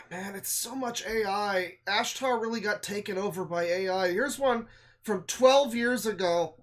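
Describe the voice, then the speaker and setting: A man's voice: high-pitched, measured pace, fairly bright tone. Male streamer, dry sarcastic running commentary, often drops to a mutter. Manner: sarcastic, mumbling asides, swears. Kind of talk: casual reaction commentary.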